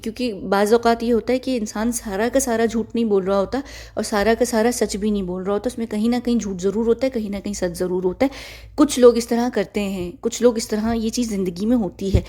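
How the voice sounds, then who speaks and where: A woman's voice: on the high side, mellow. A woman, giving casual, mocking commentary on a clip and lecturing her viewers.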